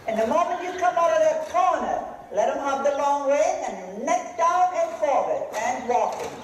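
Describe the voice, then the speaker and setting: Casting: riding coach, high and very lively voice, firing off brisk projected commands in short phrases. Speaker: riding instructor. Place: large echoey riding arena. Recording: very echoey hall, some noise.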